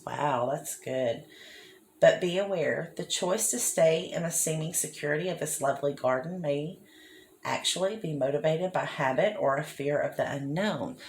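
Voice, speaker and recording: A tarot reader with a low-pitched voice gives a casual reading, chatty and often checking in with the listener. Her room is echoey, with slight background noise.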